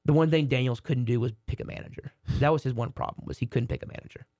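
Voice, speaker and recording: A man co-hosting a casual sports podcast sounds hoarse from a cold as he rambles and restarts sentences. His voice is medium-pitched, fast, and a little mellow, and the recording is dry and close with no echo.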